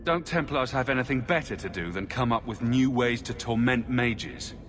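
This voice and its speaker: Male actor as a sardonic hero, self-assured, dry wit, medium pitch, video game, faint noise. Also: moderate pace, fairly bright tone, lightly acted. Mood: wry. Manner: dry, sarcastic. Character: wry, self-assured heroic adventurer, sardonic.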